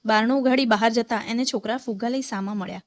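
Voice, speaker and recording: A woman's voice: fairly high pitch, fast talker. A woman storyteller reading a short story aloud and voicing each character's lines.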